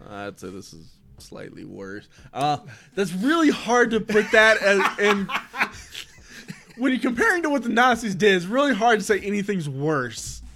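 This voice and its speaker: Young male co-host, a touch high, relaxed banter with wry jokes. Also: a little slow, slight background noise. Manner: joking, chuckling asides. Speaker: podcast co-host. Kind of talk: casual chat.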